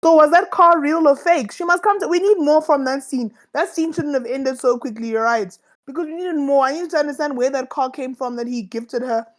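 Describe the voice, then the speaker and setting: A woman's voice: sits high, brisk, hardly any pauses. A young woman from South Africa co-hosting a casual reality TV review chat, emphatic and opinionated, repeating her points for stress. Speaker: co-host of a reality TV review show.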